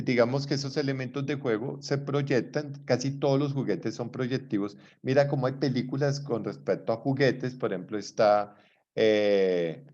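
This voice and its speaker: A man's voice: fairly low pitch, a little mellow. A middle-aged man giving an online lecture, explaining at length and often checking that his listeners follow. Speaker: lecturer in psychology. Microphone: video call. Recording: dull video-call audio.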